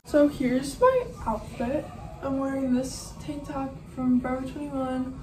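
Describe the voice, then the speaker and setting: A woman's voice: high voice, level tone, measured pace, music in the background. A young woman in casual vlog chat, talking in a hotel room and saying "like" a lot. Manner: chatty, uses "like" often. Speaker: vlogger.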